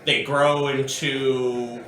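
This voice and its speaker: A man's voice: medium pitch, flat delivery, extremely slow, background noise. A man playing a tabletop game, chatting in an easygoing way. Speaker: player. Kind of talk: casual game chat. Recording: echoey and distant, music behind.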